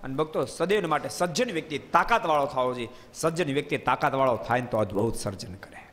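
A man giving a devotional storytelling sermon in a hall, lively and often quizzing his listeners with playful asides. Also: mid-range voice, quick pace, slight background noise. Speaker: preacher. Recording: long hall reverb.

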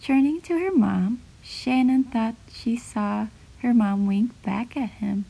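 A woman's voice: fairly high pitch, slow, vocal fry, warm tone, husky, poor audio. Woman reading a bedtime storybook aloud. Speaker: children's book author reading aloud. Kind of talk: storybook read-aloud narration.

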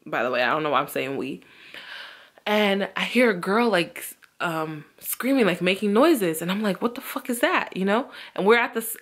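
A woman's voice: lowish voice, fairly bright tone. A young woman vlogger telling a story casually, acting out quoted voices and swearing freely.

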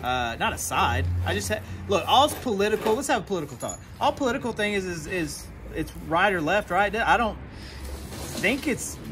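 Animated man unboxing outdoors. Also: sits high, normal speed. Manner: chatty, animated, jokey asides. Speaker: storage unit vlogger. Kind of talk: casual unboxing chat to camera. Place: outdoors at storage units. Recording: outdoor recording with clear background noise.

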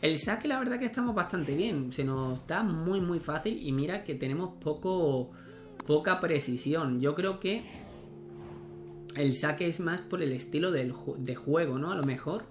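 A man's voice: on the high side, expressive, normal speed, soft background music. A young man, chatting casually as he plays a tennis video game, thinking aloud and swearing at misses. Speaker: gaming streamer. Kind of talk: casual gameplay commentary.

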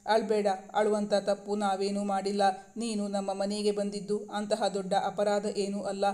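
A gentle, protective young lover from a storybook, read by a man, soothing and reassuring in a high, very level voice. He speaks softly and steadily, with almost no rise or fall. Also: monotone, normal speed, natural voice. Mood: tender. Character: tender protective young man comforting his love. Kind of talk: storybook reading.

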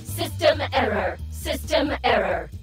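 A broken-down robot guardian with a robotic effect, droning its alerts slowly and flatly over and over. The voice sits high for a woman, and game music plays behind it. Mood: glitching. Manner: slow, flat machine-like repetition. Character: malfunctioning robotic guardian repeating error alerts.

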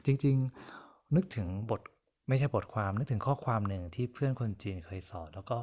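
A man's voice: on the low side, a little mellow. A man giving a casual language lesson, patiently repeating each word and explaining it with polite endings. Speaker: Chinese language teacher.

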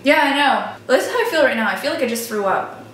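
A woman's voice: high voice, lively intonation, fast talker, fairly bright tone. A young woman chatting casually as a giggly, nervous challenge vlogger in a home kitchen. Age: young adult. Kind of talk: casual chat. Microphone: camera mic a few feet away. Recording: echoey kitchen, far mic, background noise.

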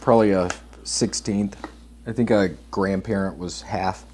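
A man guesting on a live podcast in a hotel room, joking crudely and getting animated in casual banter. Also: deep voice, unhurried.

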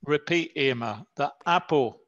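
Man, English teacher, native English speaker, fairly high voice, very slow careful delivery, slightly muffled sound. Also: lively intonation, a bit bright. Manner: slow, careful, repeats examples for the student. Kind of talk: bilingual English lesson.

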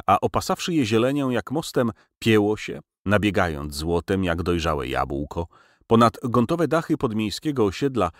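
Man, low voice, lively expressive audiobook reading, dry close mic. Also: no echo. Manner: expressive reading, voicing dialogue with lifted pitch. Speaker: audiobook narrator.

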